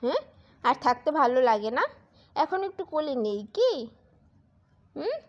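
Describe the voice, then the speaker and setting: A woman's voice: sits high, sing-song, unhurried, highs cut off. A woman talking baby talk to her infant in a coaxing voice. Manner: coaxing, sing-song questions. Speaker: mother.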